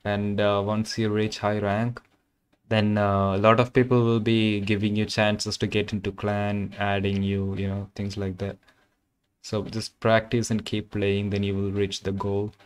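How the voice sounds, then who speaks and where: In a flat delivery at a measured pace, a young Keralite with a low-side, clear and resonant voice chats casually with his game-stream viewers, filling his loose phrasing with fillers. He has an Indian accent, Malayalam is his first language, and he uses a condenser microphone.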